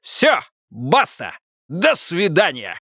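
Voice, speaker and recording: A man voicing a pompous male mayor who shouts down a rowdy crowd in an audiobook, loud and strained. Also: a little high, sing-song, moderate pace, no echo, studio quality, voice pushed up. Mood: furious.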